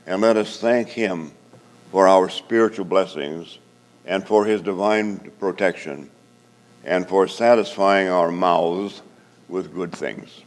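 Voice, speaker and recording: Deep-voiced pastor at a pulpit microphone. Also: male voice. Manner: measured, solemn liturgical delivery. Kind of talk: sermon and benediction. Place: church sanctuary. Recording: long church hall reverb.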